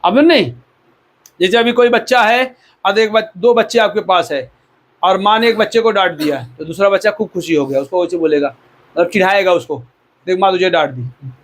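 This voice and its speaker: Very high-voiced Indian pastor preaching. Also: male voice, brisk. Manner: exhorting, repeats key words with "बोले" and "sir". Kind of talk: sermon.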